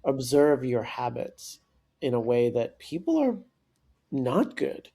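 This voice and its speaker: Gravelly man telling a lively story. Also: medium pitch, takes it slowly. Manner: animated, restarts sentences often. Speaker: guest, startup coach and author. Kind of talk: conversational podcast storytelling.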